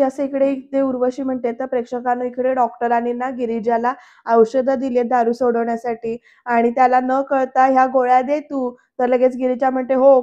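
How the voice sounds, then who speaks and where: A woman's voice: sits high, mellow, lo-fi sound. A woman narrating a voice-over recap of a TV serial episode, reading each character's lines in turn.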